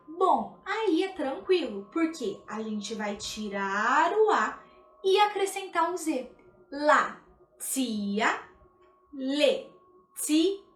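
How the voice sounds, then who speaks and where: Woman, Italian teacher, high expressive voice, unhurried explanations. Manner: explains patiently, checks in with "tá?", slows down to model pronunciation. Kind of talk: live online language lesson. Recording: echoey room, livestream audio.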